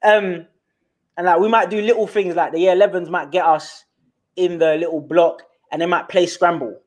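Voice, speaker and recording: A young man with a London accent, telling a story from his school days as a guest on a casual interview, repeating words when excited. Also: high-pitched, moderate pace. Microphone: remote call.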